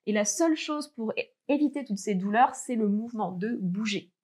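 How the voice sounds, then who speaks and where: A woman's voice: a little high, lively intonation, moderate pace, darkish tone. A young woman fitness coach giving casual tips straight to the viewer, chatty and full of fillers. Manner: chatty, many fillers, addresses viewer directly.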